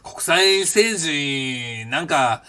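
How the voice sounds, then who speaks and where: Here the older Japanese host talks very slowly in a fairly high, animated voice that sounds pushed, bright, and smooth. It's a rambling, reflective podcast monologue about his past, thick with fillers and restarts.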